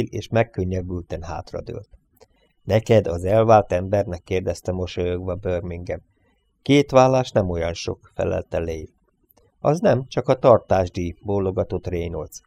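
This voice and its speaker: A man narrates a novel in a low, mellow voice. He reads the characters' lines a little higher, then sinks softly on each "he said." The delivery is calm and steady, like an audiobook read at home. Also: creaky. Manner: reads dialogue with lifts for characters, drops low on speech tags.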